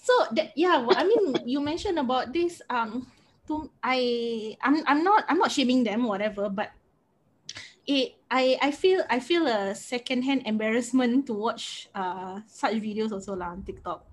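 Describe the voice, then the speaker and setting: A woman's voice: fairly high pitch, lively intonation, moderate pace. A woman with a Singaporean accent chatting casually with Singlish particles, earnest and reflective.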